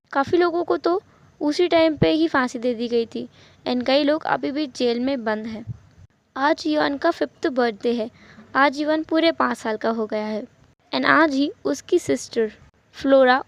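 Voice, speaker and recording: A woman's voice: high-pitched, a little slow. A woman narrating a fan fiction story in a chatty way, mixing in English words and talking to viewers. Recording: dull lo-fi home recording.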